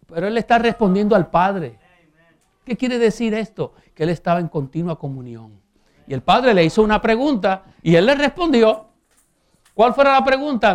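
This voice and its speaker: A man preaching a sermon, reading scripture aloud and asking rhetorical questions, slowing down on key phrases. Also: sits high. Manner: reads scripture aloud and comments.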